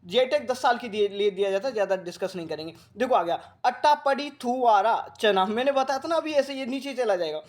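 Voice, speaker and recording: A male coaching teacher from Rajasthan. He gives a current affairs lecture, speaking slowly and repeating key facts as he drills his students. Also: sits high, expressive. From Rajasthan, India. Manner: slow, repetitive drilling that coaxes students like a big brother.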